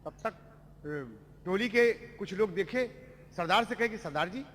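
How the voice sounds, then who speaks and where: High bright Bhojpuri storyteller man. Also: animated, takes it slowly, slight background noise. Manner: declamatory, addresses audience as babuji. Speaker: Birha singer-storyteller. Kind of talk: dramatic Birha folk storytelling. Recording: echoey stage recording with music. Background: music.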